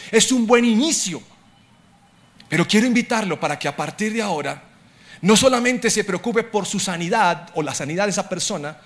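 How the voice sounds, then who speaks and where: High-pitched middle-aged guy preaching, loud then quiet, telling stories. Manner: storytelling preacher, swings from loud to hushed. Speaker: pastor. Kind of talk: sermon.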